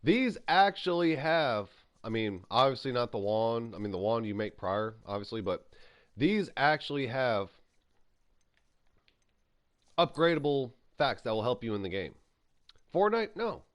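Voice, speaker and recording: Speaking at a measured pace with long pauses, a man with a mid-range voice hosts a gaming channel. He eats while he plays, giving casual commentary that wanders, voices firm opinions, and turns into animated rants.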